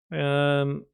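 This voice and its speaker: A man from the Liverpool area with a faded Scouse accent runs a casual livestream as a game development tutor, answering viewer comments and sometimes mumbling to himself as he works. His voice sits on the high side with vocal fry and a clean tone.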